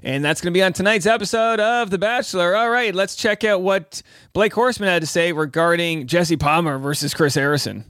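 Chatty male podcast host, slightly high voice. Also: a little fast, a bit bright, dry recording, studio quality. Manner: chatty, informal. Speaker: podcast host and stand-up comic. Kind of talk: casual entertainment commentary.

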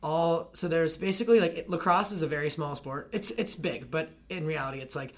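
A young adult woman with a deep, raspy voice talks fast and rambly in a laid-back podcast, leaning on constant fillers. She plays college lacrosse and creates videos.

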